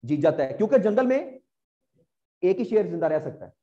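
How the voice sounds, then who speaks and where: Man, Pakistani Urdu accent, lecturing exam students, rhetorical questions, high-pitched voice, dull lo-fi sound. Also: very animated, a little fast, warm tone. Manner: rhetorical, keeps asking if students follow. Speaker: CSS exam teacher.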